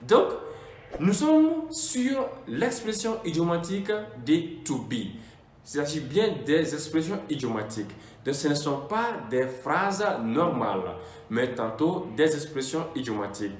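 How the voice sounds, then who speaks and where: Lively slow-spoken man teaching in an echoey room. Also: on the high side, slight background noise. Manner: repeats each phrase slowly and deliberately, drawing out example words. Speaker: English teacher. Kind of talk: explanatory language lesson.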